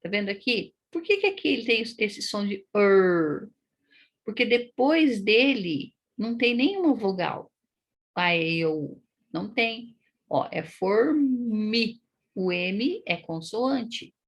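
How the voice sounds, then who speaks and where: A woman with a Paraná Brazilian accent teaches young pupils at an unhurried pace. Her voice carries a gravelly fry, and she explains patiently, stretching out words and pausing to check understanding. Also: mid-range voice, lively intonation, fairly bright tone. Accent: Paraná Brazilian Portuguese. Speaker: primary school teacher. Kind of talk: recorded online lesson.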